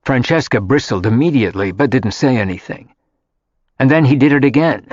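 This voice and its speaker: A man's voice: medium pitch, animated, a little fast, a little mellow, no echo. Male audiobook narrator, dry lo-fi read. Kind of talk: scripted narration.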